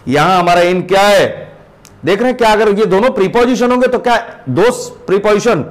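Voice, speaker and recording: A man teaching English grammar in Hindi, with an Indian English accent. He repeats example sentences slowly and puts heavy stress on key words. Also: sits high. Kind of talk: spoken grammar lesson.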